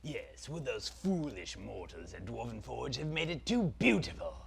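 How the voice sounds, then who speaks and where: A man playing Zaltar, a gravelly villain prince. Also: mid-range voice, sing-song, normal speed, shouting, a crowd in the background. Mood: pompous. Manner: theatrical, haughty, sometimes slips into a stage whisper. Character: pompous grand male sorcerer villain prince. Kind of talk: comic product skit.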